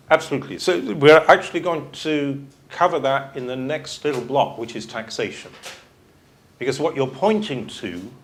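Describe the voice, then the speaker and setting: A British-accented man with a mid-range voice gives a university lecture and takes audience questions conversationally. He thinks aloud, restarting his sentences as he goes.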